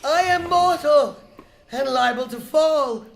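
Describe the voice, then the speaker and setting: A woman's voice: sits high, slow, gravelly, a little hiss or hum, exaggerated voice. An older woman acting the old miser Scrooge in a live radio drama, shaken and wistful, swept up in memory. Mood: pleading. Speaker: actor playing the lead. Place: live stage performance.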